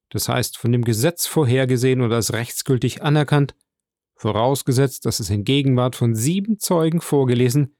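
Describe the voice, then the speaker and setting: A man's voice: medium pitch, darkish tone, no echo, studio quality, natural voice. A man voicing an eager, long-winded male notary in a read-aloud story, formal in his speech. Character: eager, wordy middle-aged male notary.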